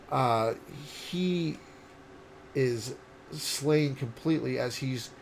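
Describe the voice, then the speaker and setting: A man in his late thirties narrating as dungeon master, halting with fillers and restarts. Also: medium pitch, vocal fry, darkish tone, slight background noise. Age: late 30s. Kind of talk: narrating a tabletop game.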